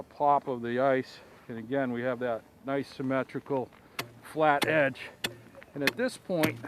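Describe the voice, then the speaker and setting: A man explaining a fishing technique in a casual, halting, hands-on way outdoors. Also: mid-range voice. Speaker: ice fishing guest demonstrating technique. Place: outdoors on a frozen pond. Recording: noisy outdoor location sound.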